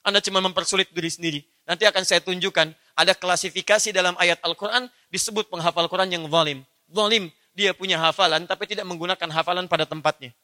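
Man, preacher, religious lecture, high voice, speaks to listeners directly. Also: fairly even intonation, fast, sharp tone. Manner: addresses listeners directly with rhetorical questions. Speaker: Islamic preacher.

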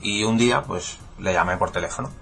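Low-voiced Spaniard telling an anecdote. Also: male voice, fairly quick, creaky, a bit bright. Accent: Spain Spanish. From Spain. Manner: anecdotal, conversational. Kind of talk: casual chat.

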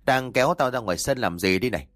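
A man's voice: medium pitch, quick pace, fairly bright tone, dry recording, clean studio sound, natural voice. A man voicing an irritable older village father who scoffs and snaps in a narrated story. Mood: irritated. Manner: snapping, scornful.

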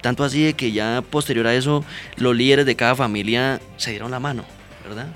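Policeman explaining mediation on radio, steady earnest voice, faint music under it. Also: mid-range voice, a little fast. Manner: earnest, explanatory, frequent "¿verdad?" and "¿sí?" tags. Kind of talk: radio interview answers.

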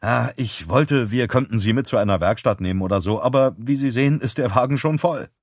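A man voicing a nervous middle-aged father who talks in a hurried, appeasing way. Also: medium pitch, no room sound, studio quality, natural voice.

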